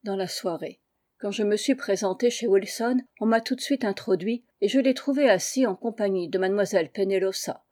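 At a slightly quick pace, a woman with a mellow, medium-pitched voice reads a classic story in the first person. The audiobook narration is tense and feverish throughout.

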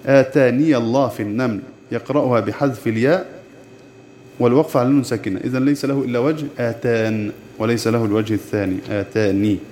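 A man teaching the rules of Quran recitation, explaining plainly with pauses of "aah" and slowing down to chant the verses he quotes. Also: mid-range voice, mellow, slight background noise. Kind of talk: tajweed lesson with recited examples.

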